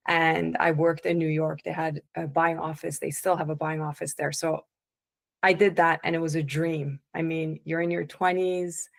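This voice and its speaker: A woman coach telling her life story as a podcast guest, in a relaxed, conversational way with frequent restarts. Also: low voice, gravelly. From born in the United States, raised in Italy and Canada. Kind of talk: casual interview chat.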